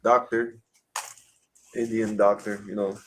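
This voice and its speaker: A man's voice: fairly low pitch, level tone, takes it slowly, slight background noise, poor audio. A man on a live panel stream, talking bluntly and with a lot of swearing, ranting as he goes. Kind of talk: casual livestream panel chat. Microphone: home mic on a video call.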